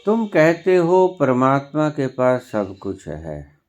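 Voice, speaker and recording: A man with a Punjabi accent delivering a sermon at an unhurried pace, letting long pauses hang between phrases. His pitch swings widely, rising sharply on stressed words and dropping low again. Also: big pitch swings, darkish tone, dull audio, soft background music. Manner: slow, deliberate, with emphatic pauses and rising stresses. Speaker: spiritual teacher.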